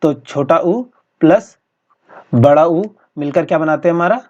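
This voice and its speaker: A male teacher going through practice exam questions in a steady, explanatory way, often repeating each answer. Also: on the high side, unhurried. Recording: dull lo-fi recording.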